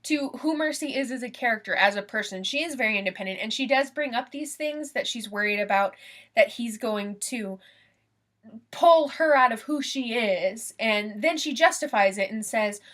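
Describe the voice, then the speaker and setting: A young woman in a casual book review vlog, chatty and animated, laughing now and then as she talks into her camera. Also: a little high, normal speed.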